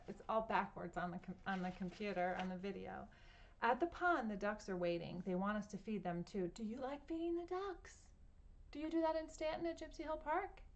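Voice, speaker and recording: A woman reads a children's picture book aloud at home. Her delivery is gentle and patient, and she keeps turning to her young listeners with questions. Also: mid-range voice. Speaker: children's story reader.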